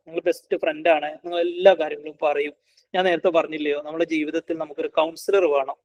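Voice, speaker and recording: A man giving a parenting class, acting out a harsh and then a gentle parent talking to a child. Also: high-pitched. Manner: acts out scolding and tender parent lines in a coaxing voice. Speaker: parenting trainer. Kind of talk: online class lecture.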